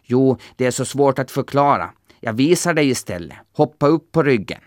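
A man's voice: mid-range voice, lively intonation, no echo, clean studio sound, voice pushed up, natural voice. A man voicing a bold, cheeky boy hero in a folktale. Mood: cocky. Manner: cocky, bright.

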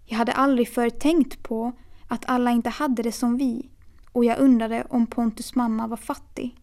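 A woman reading a children's novel aloud in a steady, quiet storytelling manner. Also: a little high. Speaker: narrator. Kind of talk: audiobook reading.

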